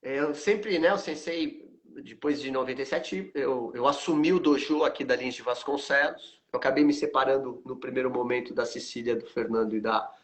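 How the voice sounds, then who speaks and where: A Brazilian man in his fifties, an aikido teacher, hosts a live stream with a Brazilian Portuguese accent. He tells stories animatedly, acting out the dialogue and often using tag questions. His voice is mid-range and his pace moderate.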